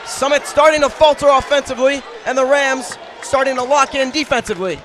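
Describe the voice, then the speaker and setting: A man calling live basketball play-by-play in a crowded school gym, with rapid, clipped calls shouted over the crowd. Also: very high voice. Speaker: play-by-play announcer. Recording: loud gym crowd and noise.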